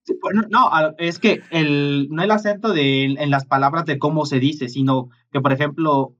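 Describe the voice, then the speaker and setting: A man in a casual chat, talking haltingly with many fillers. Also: fairly high pitch, a bit bright. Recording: dull, muffled sound.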